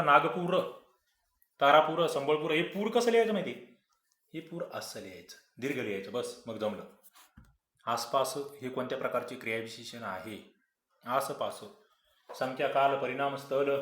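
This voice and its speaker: A man's voice: mid-range voice, a bit bright, reverberant. A man, teaching grammar and explaining quiz answers, asking the class rhetorical questions. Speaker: exam-prep grammar teacher.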